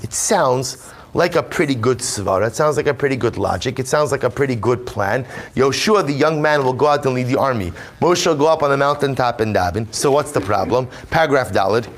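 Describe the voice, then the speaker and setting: Leading a Torah class, this medium-pitched rabbi reads the Hebrew sources out loud and then explains them in English. He goes back over his main points to stress them.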